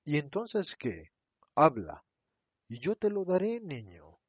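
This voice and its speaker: A man voicing a kind, wise old bearded king who speaks in a measured, solemn way. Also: a little high, wildly swooping pitch, slightly rough, dry recording, voice pushed up, full character voice. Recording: dull, dry lo-fi recording.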